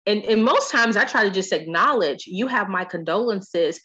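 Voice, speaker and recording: A woman hosting a podcast in casual conversation, animated and playful. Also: medium pitch, moderate pace, breathy edge, dull audio. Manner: animated, playful, quotes friends in lively voices. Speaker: podcast host.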